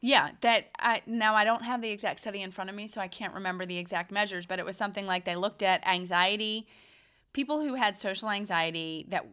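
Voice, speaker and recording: A woman's voice: medium pitch, brisk, pushed and bright, clean tone. A woman co-hosting a casual health podcast, explaining research findings in a conversational way, with frequent restarts. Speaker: podcast co-host.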